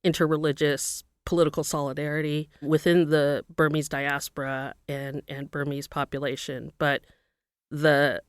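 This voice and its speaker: A middle-aged woman from Burma, raised in California, talks as a guest professor in an interview, giving a personal account of her background and work. She's thoughtful and explanatory with occasional pauses, speaking in a deep, clear, resonant voice with flat delivery. There is no room sound.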